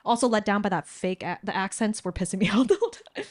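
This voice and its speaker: Chatty podcast lady, lots of likes, mid pitch, dry close sound. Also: quick pace, a little mellow, no echo. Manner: chatty, filler-heavy, trails off. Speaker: podcast co-host. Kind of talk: casual podcast chat.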